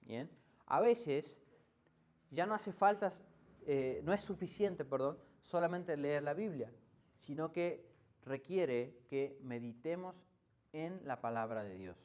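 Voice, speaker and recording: In a church, a male pastor with an Argentine Spanish accent preaches a sermon conversationally, often putting rhetorical questions to the congregation. He hesitantly restarts phrases as he explains. His voice is on the high side, expressive, slow and darkish in tone.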